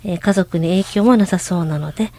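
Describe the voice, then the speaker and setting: A woman's voice: lowish voice, fairly quick, dark tone, no room sound. A woman co-hosting a radio show, reading a listener's letter aloud.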